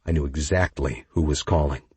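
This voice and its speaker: A man narrating a first-person romance audiobook in a measured storytelling way, on a close microphone. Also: very deep voice, fairly even intonation, darkish tone, slightly rough, dry recording.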